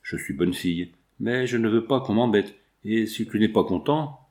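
A man voicing a sharp-tongued young redheaded chorus girl, snapping back with dismissive retorts. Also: on the low side, normal speed, close to an everyday voice. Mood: snappish.

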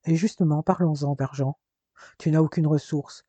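A tender, worried young man in a spoken novel, voiced by a male reader. The voice is warm and slightly husky, dry and close. He pleads gently and earnestly. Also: fairly high pitch, steady tone, moderate pace, dry recording, lightly acted.

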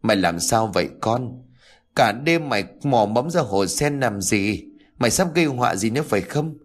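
A fretful village mother scolds in quick, rising bursts, as a male storyteller voices her. Her lively, swooping delivery sits low for a woman. She nags and complains without pause. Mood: worried. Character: anxious scolding village mother, middle-aged.

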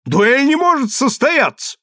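A man voicing a frightened young male duelist who blusters and shouts in a shrill, agitated way. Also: very animated, unhurried, no room sound, studio quality, full character voice.

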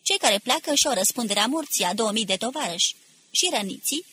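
A woman voicing a desperate shouting engineer. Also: fairly high pitch, expressive, husky, no room sound, exaggerated voice. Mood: urgent, warning. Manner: shouting over a crowd. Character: desperate male former motor-unit commander, an engineer.

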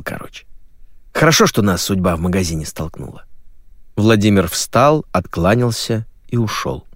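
A man narrating an audiobook in a lively, ironic storytelling manner on a close studio mic. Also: fairly low pitch, no room sound. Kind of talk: scripted narration.

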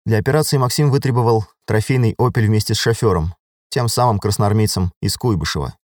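A man narrating an audiobook in a steady, even storytelling voice. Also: on the low side, brisk, no echo, studio quality. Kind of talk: scripted narration.

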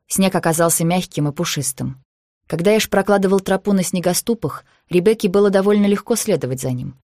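An audiobook narrator giving a measured, even reading of a thriller novel. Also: mid-range voice, no echo, clean studio sound.

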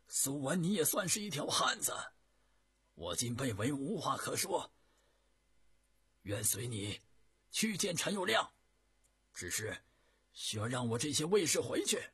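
A man voicing a loyal young male officer who declares his readiness to die, in a loud, high, fervent delivery with a husky edge. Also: no room sound, full character voice.

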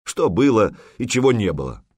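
A man's voice: on the low side, big pitch swings, normal speed, a little mellow, slightly rough, no room sound, studio quality, pitched above the performer's own voice. A male narrator voicing a wary Viking warrior who teases yet speaks almost conciliatorily. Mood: mocking. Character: wary Viking warrior, placating but mocking.

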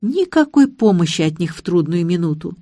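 A woman's voice: lowish voice, very animated, normal speed, warm tone, dry recording, clean studio sound. Woman voicing a chatty old grandmother. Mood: chiding.

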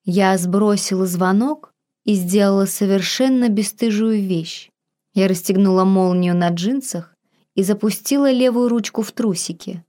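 A woman's voice: mid-range voice, darkish tone. Woman narrating a first-person audiobook.

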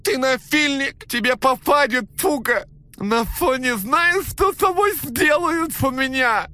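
A man's voice: extremely high pitch, takes it slowly, sharp tone, voice pushed up, exaggerated voice. A man reading a story aloud, voicing a hysterical, scheming young woman who shrieks, wails and lisps through a broken nose.

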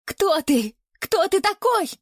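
A woman voicing a terrified young woman held captive, who pleads and screams in shrill bursts. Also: big pitch swings, takes it slowly, no room sound, studio quality, full character voice.

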